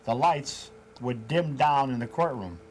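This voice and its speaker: Man recounting eerie events calmly. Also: mid-range voice, slight background noise, rough recording. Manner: measured, with frequent hesitant fillers. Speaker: paranormal investigator guest. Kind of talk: interview storytelling.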